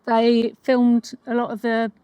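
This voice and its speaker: A woman's voice: fairly high pitch, completely flat delivery, slow, clean tone, dry recording, muffled recording. A woman chatting casually and enthusiastically as a travel vlogger, recorded outdoors on a day out. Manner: enthusiastic, laughs easily. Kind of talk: casual chat. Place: outdoors at a museum.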